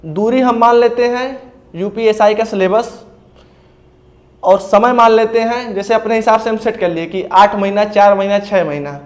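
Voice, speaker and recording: A man's voice: high voice, steady tone, moderate pace. A man from India, giving casual step-by-step advice to exam aspirants and often checking in with his listeners. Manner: explains step by step, often says "ठीक है भैया". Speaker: exam preparation coach. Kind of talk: casual spoken advice talk.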